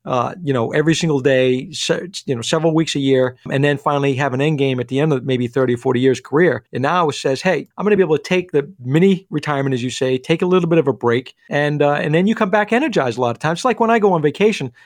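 A man's voice: fairly high pitch, no echo, studio quality. A man working as a financial advisor, talking through money and retirement on a call-in radio show, with lots of restarts and fillers. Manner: quick, energetic, many restarts and fillers.

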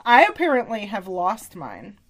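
A woman's voice: medium pitch, wildly swooping pitch, normal speed, a bit bright. A woman hosting a casual chat, telling stories in a chatty, laughing way. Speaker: host.

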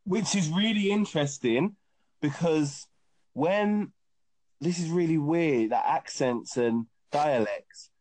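A man's voice: on the high side, slow pace, darkish tone, no room sound. A man chatting casually with friends, teasing and joking. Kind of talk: casual chat.

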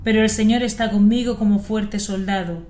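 Woman reading a bible passage, measured and even, mid pitch, roomy church sound. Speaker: lay reader. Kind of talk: liturgical scripture reading. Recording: echoey church.

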